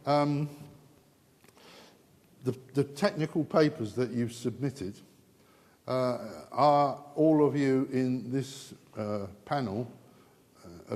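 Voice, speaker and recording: A man's voice: mid-range voice, a little mellow. A man moderating a conference panel, wrapping up with rambling, chatty remarks that often restart mid-sentence. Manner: rambling, chatty, self-interrupting. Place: conference hall. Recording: long hall reverb.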